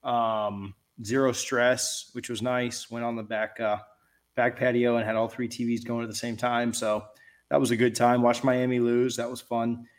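A middle-aged man chats casually as a podcast co-host. He rambles in a laid-back, hesitant way, with an ordinary mid-pitched voice. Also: little pitch movement, normal speed. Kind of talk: casual chat.

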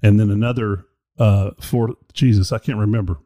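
Brief: male podcast host, low voice, dry close sound, rambling chatty delivery. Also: fairly even intonation, moderate pace, mellow, no echo. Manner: rambling, chatty, self-deprecating. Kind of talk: casual chat. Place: indoor room.

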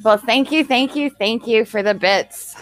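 Soft music plays behind a young American woman on a livestream, her voice a bit high and a little slow, with no echo. She chats casually and ramblingly, frequently thanking her viewers.

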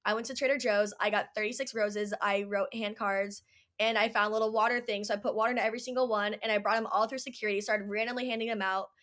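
A woman's voice: mid-range voice, fairly even intonation, quick pace, a bit bright. A young adult woman chatting casually as a podcast guest, bubbly and full of fillers like "like". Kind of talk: casual chat.

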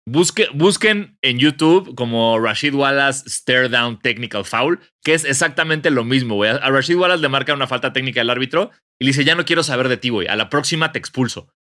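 Slangy Mexican man with a bright voice. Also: medium pitch, brisk, few pauses. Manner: slangy, animated storytelling. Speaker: podcast co-host. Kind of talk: casual chat.

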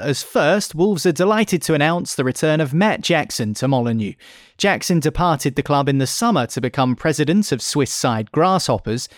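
A man's voice: mid-range voice, no echo. A man hosting a scripted club podcast, speaking in a polished way close to a podcast microphone. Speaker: podcast host.

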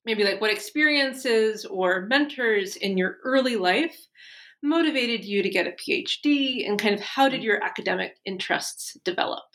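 A woman hosting a podcast interview, asking polite, measured questions. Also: medium pitch, fairly bright tone. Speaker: podcast host.

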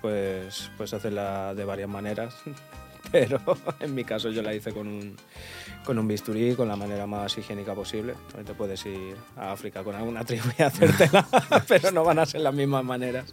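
A man in his twenties from Portugal, a podcast guest chatting casually and relaxed, laughing often and trailing off softly. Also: lowish voice, normal speed, faint music behind. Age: 20s. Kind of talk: casual chat.

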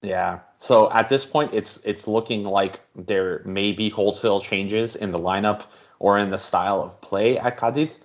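Deep-voiced man, measured podcast talk. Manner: measured, explains at length with frequent ums. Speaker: podcast co-host. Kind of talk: casual football podcast chat. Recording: dull lo-fi audio.

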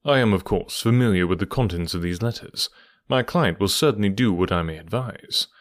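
A man's voice: low voice, brisk, no room sound, clean studio sound, close to an everyday voice. A man voicing a cool, composed male detective, speaking firmly and with restraint.

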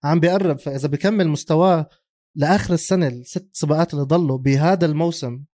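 A man's voice: fairly high pitch, quick pace, warm tone. A man with a Levantine Arabic accent co-hosting a casual sports discussion, dropping English terms into his talk. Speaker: motorsport podcast co-host.

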